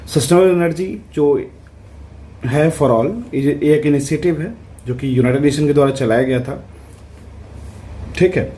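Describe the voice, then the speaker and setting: A man, an exam prep tutor, explaining answers in a casual lesson, checking in often and reading questions out slowly. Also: on the high side, warm tone, slight background noise. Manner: conversational, repeats "ठीक है" to check in, reads English questions out slowly.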